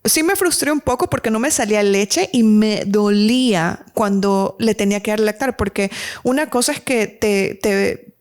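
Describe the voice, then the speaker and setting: A woman from Ecuador telling her life story as a podcast guest, animated and laughing often, acting out what people said to her. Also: moderate pace. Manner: animated, acts out quoted dialogue in a much higher voice, laughs often. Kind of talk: casual personal storytelling.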